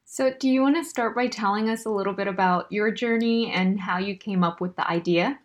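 A woman's voice: mid-range voice, fairly quick. A woman hosting an interview, asking questions in a friendly, conversational way over a video call. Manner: friendly, conversational, relatable asides. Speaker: podcast host. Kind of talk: casual interview.

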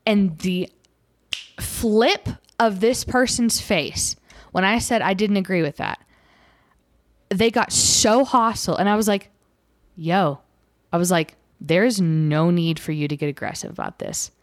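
Emphatic low-voiced woman podcast co-host. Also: very animated, measured pace, no room sound, clean studio sound. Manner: emphatic, repeats phrases for stress. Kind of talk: casual chat.

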